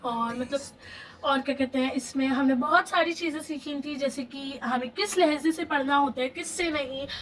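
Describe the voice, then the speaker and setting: A woman teaching a Quran reading lesson step by step, patiently repeating terms and slowing down on key phrases. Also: sits high, recorded from a distance, low-quality recording. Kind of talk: online lesson, explaining step by step.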